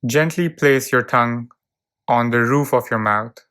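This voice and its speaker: A guided meditation narrator speaks in a smooth, medium-pitched voice, delivering a relaxation script and visualization. The pace is slow, calm, and measured, with long pauses throughout.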